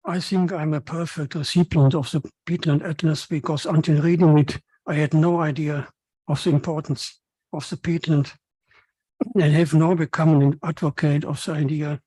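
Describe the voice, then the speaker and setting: Male event speaker, native German with German accent, mellow and slightly high-pitched, halting formal delivery. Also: fairly even intonation, husky, no echo, low-quality recording. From Cologne, Germany. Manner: halting, formal, reading from text. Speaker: event speaker, foundation co-founder. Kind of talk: prepared welcome speech.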